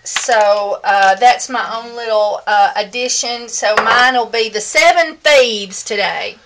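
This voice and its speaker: A woman's voice: on the high side, slow pace, very noisy. A woman talking casually through a homemade soap-making vlog, chatty and rambling with fillers, at home in her kitchen. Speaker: soap maker.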